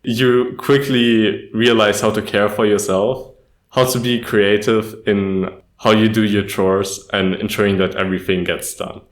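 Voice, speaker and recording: Low-voiced young man, echoey room. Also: flat delivery. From Germany. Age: young adult. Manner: measured, earnest, says "quite frankly" often. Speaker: podcast co-host. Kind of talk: casual podcast chat.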